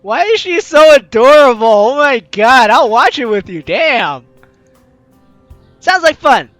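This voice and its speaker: A young woman hosting a gaming let's-play reads game text aloud and comments on it in a bright, sing-song voice with wide pitch swings and a measured pace. Her manner is theatrical and teasing, faint music plays underneath, and there is no echo.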